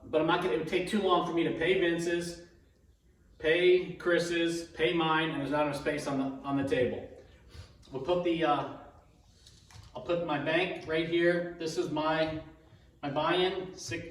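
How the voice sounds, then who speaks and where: A man's voice: a little high, steady tone. Echoey, distant man with a cold, narrating. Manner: halting, self-narrating, repeats each call. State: has a cold, throat-clearing. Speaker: dice betting demonstrator. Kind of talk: casual play-by-play commentary. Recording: very echoey room, distant mic.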